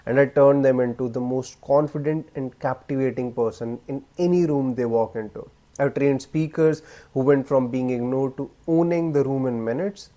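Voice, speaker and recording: A man coaching viewers on confident speaking, blunt and emphatic, with deliberate pauses. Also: medium pitch, mellow. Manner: acts out weak speech examples in a raised, rising voice. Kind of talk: direct-to-camera coaching talk.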